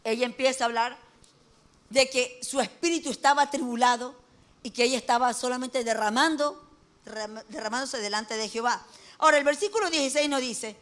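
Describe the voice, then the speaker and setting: A middle-aged woman with an Ecuadorian Spanish accent preaches a conversational, folksy sermon, asking her listeners questions and joking lightly. Her voice is high and fairly bright, and she talks a little fast.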